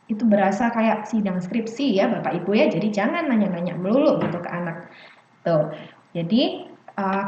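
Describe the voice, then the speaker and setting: A woman presenting an online parenting seminar on speech development, chatty and explanatory, often rounding off points with a tag word. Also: mid-range voice. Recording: echoey, dull lo-fi audio.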